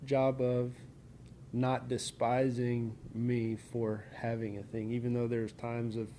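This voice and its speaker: Mellow man telling stories. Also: medium pitch, monotone, slow pace. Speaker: podcast host. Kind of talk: casual storytelling. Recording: clear background ambient noise.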